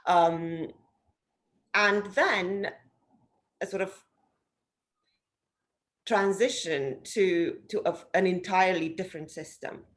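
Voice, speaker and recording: A woman in her forties, originally from Romania, answers interview questions in a fairly low voice. She thinks aloud, pausing often with fillers and restarting her sentences. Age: 40s. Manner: hesitant, many fillers and restarts. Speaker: interview guest, social investor. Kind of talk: thoughtful conversational interview.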